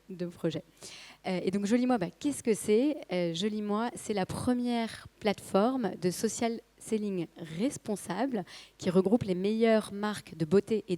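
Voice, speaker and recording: A woman with a hoarse voice that is giving out, speaking hesitantly as a guest telling a company story at a conference. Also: mid-range voice, warm tone. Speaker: company co-founder and marketing director, guest speaker.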